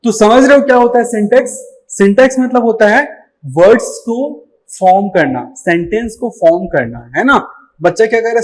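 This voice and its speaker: A man's voice: sits high, poor audio. A young man teaching a live online exam-prep lesson. He explains step by step, calls his students "beta", and asks the class questions that he then answers himself. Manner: calls students 'beta' affectionately.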